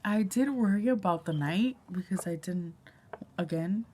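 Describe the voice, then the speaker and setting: A woman vlogger telling a casual story, often dropping to a hushed whisper and swearing freely. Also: mid-range voice, unhurried, a little hiss or hum.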